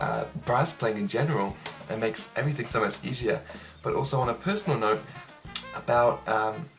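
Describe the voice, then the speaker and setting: A young man, a trumpet player casually answering interview questions in a relaxed, chatty way with frequent ums. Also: medium pitch. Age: young adult.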